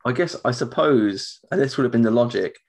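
A man's voice: mid-range voice, lively intonation, a little fast, creaky, a little mellow. A British man with a ropey, tonsillitis-affected voice, chatting casually as a podcast co-host. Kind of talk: casual chat.

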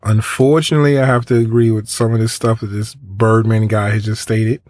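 Measured man hosting a dry-sounding podcast. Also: on the low side, flat delivery, darkish tone, no echo. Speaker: podcast host. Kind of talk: casual podcast monologue.

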